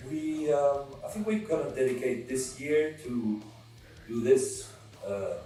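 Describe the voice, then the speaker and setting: A man from Chile talks as a guest in a casual interview. He is relaxed and thinks aloud, hedging as he goes. He is heard from a distance in a strongly echoing room, with a little music underneath. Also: mid-range voice, takes it slowly. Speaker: band member guest. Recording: very echoey distant mic with faint music.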